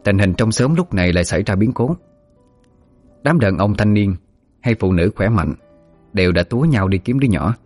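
A man's voice: lowish voice, lively intonation, moderate pace, long pauses, darkish tone, no room sound, soft background music. A man narrating a ghost story vividly.

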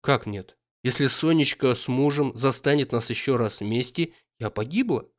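A man's voice: medium pitch, moderate pace, highs cut off, lightly acted. A man voicing a proud, hurt young noblewoman who speaks coolly and with reproach. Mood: sad.

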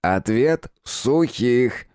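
A man's voice: mid-range voice, expressive, drawn-out words, darkish tone, clear, resonant tone, dry recording, pitched above the performer's own voice. A man voicing a cocky teenage schoolyard bully who mocks and bosses his victim, in a dry, close recording. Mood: mocking. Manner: mocking, bossy.

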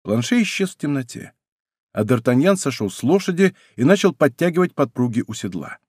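Expressive male audiobook narrator. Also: medium pitch, fairly quick, husky, no room sound, clean studio sound. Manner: expressive, dramatic reading.

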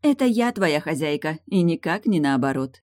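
A reader voicing a sharp-tongued young woman who teases in a languid, mocking way. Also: low-pitched, lively intonation, normal speed, no room sound, studio quality. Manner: teasing, languid.

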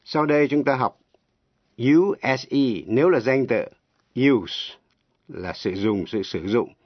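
A husky, low-pitched man teaching on the radio, moving slowly and spelling each word letter by letter. His pitch rises and falls a lot as he stresses syllables. The recording is dry and dull, like an old lo-fi broadcast. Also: expressive, no echo. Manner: slow, deliberate, spells words letter by letter. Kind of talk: slow radio language lesson.

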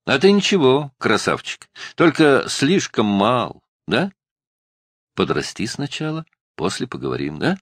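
A man's voice: medium pitch, big pitch swings, unhurried, no room sound, clean studio sound, voice pushed up. A man voicing a teasing, capricious young acrobat woman.

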